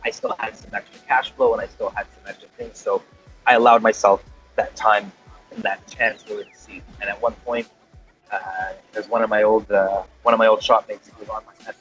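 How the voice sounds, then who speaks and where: A man's voice: on the low side, steady tone, fairly quick, fairly bright tone, soft background music, poor audio. A man, a glass artist, guesting on a podcast, talking in a loose, profane way with many fillers and restarts. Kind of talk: casual chat.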